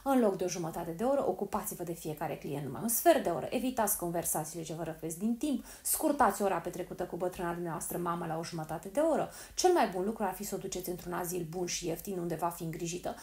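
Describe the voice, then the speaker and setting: In an audiobook, a woman voices a cold, persuasive male agent who sells time savings, sounding calculating and coaxing. Her pitch is fairly low and a little mellow, and her delivery is expressive with few pauses.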